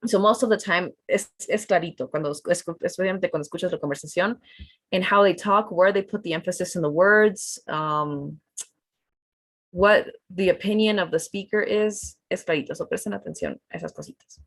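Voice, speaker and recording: A woman's voice: on the low side, fairly quick, no room sound. A woman teaching an online test-prep class, explaining tasks in a chatty mix of English and Spanish over a video call. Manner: relaxed, chatty, switches between English and Spanish.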